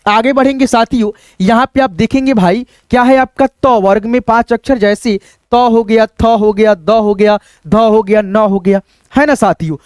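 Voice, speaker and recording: High-voiced man teaching the alphabet. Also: moderate pace, darkish tone, clear, resonant tone, dry recording. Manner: repetitive, asks and answers his own questions, many fillers. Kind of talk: casual classroom-style teaching.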